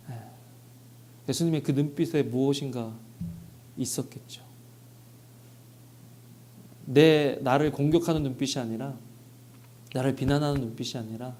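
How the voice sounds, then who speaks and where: In a church sanctuary, a pastor with a warm, mid-range voice preaches a Sunday sermon, posing rhetorical questions to the congregation and acting out short bits of dialogue.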